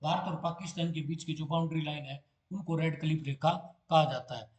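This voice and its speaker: Man, exam-prep lecture, slightly raised pitch, self-answering questions, filler "okay". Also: fairly even intonation, fairly quick, darkish tone. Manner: asks a question and answers it himself, "ठीक है" filler. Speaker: competitive exam teacher.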